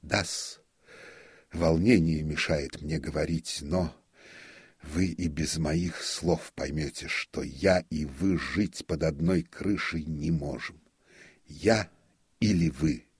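A man voicing an aggrieved middle-aged notary who speaks in stiff, formal phrases and turns mocking and loud. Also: a bass voice, slow, slightly rough, dry recording, studio quality, full character voice. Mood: stiffly formal. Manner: formal, pleading then sneering and shouting.

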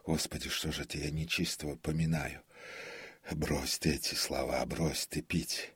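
A deep-voiced man playing an aging male stage comic in an audiobook, grumbling and muttering, breaking into fearful cries. The voice is very husky, its rasp set close and dry. He is self-pitying and maudlin. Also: little pitch movement, normal speed, fairly bright tone, no echo, exaggerated voice. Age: 50s. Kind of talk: audiobook character voice.

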